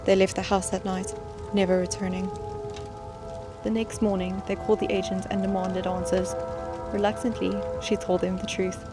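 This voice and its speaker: Woman narrator telling creepy campfire tales, measured and suspenseful, pretty flat pitch, music behind her. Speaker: horror story narrator. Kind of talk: scripted scary-story narration.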